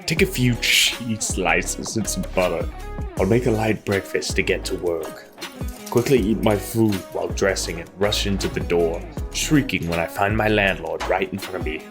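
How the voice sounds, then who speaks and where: A man with a deep voice and moderate pace hosts a gaming video, doing casual let's play commentary. He reads visual novel text aloud, interrupting himself with joking asides, while game music plays behind his voice.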